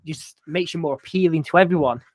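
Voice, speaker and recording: A man's voice: on the high side, brisk, dry recording. A young man hosting a podcast, chatting casually and swearing now and then. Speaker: podcast host.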